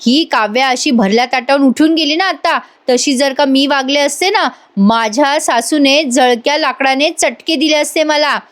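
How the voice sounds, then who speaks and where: A woman reading out the lines of a scolding, sharp-tongued middle-aged aunt in a taunting, nagging way. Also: high-pitched, normal speed, few pauses, lightly acted.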